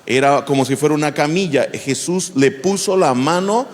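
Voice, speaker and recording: A man's voice: fairly high pitch, moderate pace. Preaching man with long hall reverb. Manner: animated preaching, asks the congregation questions. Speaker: pastor. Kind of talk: sermon.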